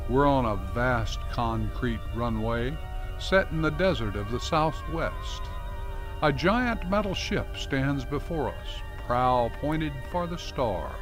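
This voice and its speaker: A man hosting and narrating a scripted radio programme in a formal, deliberate, theatrical announcer style. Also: mid-range voice, very animated. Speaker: host and narrator. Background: music behind the voice.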